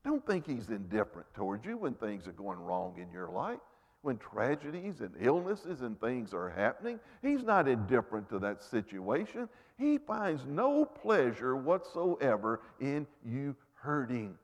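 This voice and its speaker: A man preaching a sermon, rising and falling in volume and dropping low for emphasis. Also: sing-song, measured pace. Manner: rises and falls sharply, drops to near-whispers for emphasis. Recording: long reverb of a large hall.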